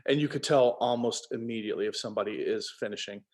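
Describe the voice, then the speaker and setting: This author, who co-wrote a novel, speaks fast in a mid-range, somewhat mellow voice on a panel, casually trading anecdotes and acting out quoted lines. A little hiss or hum sits under the audio.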